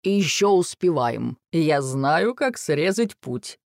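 A man voicing a bossy hurried sparrow dad. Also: a little high, sing-song, no room sound, clean studio sound. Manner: impatient, boastful.

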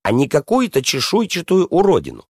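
A man's voice: a little high, wildly swooping pitch, measured pace, dry recording, studio quality, voice pushed up, exaggerated voice. A man doing a hot-tempered princess. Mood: indignant. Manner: indignant, shouting. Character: proud, quick-tempered young princess.

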